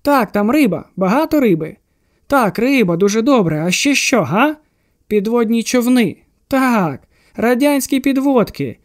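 A man's voice: very high-pitched, animated, a little slow, voice pushed up. A man putting on a manic bald asylum patient. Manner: eager, insistent, childlike sing-song. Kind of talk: audiobook character voice.

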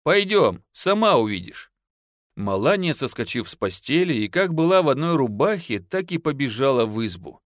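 A man giving dramatic, expressive scripted narration of a story on a close mic. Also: medium pitch, brisk, hardly any pauses, no room sound. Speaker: audiobook narrator.

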